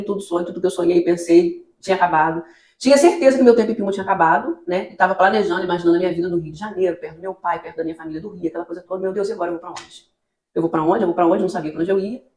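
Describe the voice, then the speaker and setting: A woman's voice: mid-range voice, a little mellow, echoey room. A Brazilian woman pastor telling her testimony in an interview, acting out her own dialogue as she tells the story. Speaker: pastor, children's ministry leader. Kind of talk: testimony in a church podcast interview.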